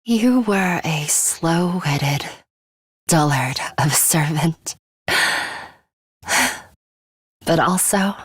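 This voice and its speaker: A proud young woman from a dramatic video game bids a tender farewell, speaking very slowly and haughtily in a lowish, breathy, exaggerated voice that sometimes drops to a hush. The recording is close and dry. Under her imperious, deliberate manner she is fatalistic and quietly caring.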